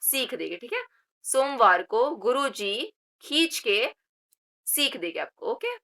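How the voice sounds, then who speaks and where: A woman's voice: a little high, big pitch swings, takes it slowly, sharp tone. A woman teaching general knowledge for government exams, repeating key words and asking rhetorical questions, mixing English words into Hindi. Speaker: exam coaching teacher. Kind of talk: Hindi general knowledge lesson with memory tricks.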